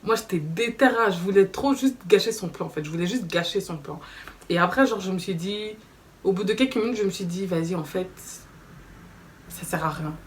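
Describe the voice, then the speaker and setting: A young woman telling a story in a casual vlog, animated and slangy, acting out quoted dialogue. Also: fairly low pitch, a little fast. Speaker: vlogger. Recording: slightly distant mic with faint background noise.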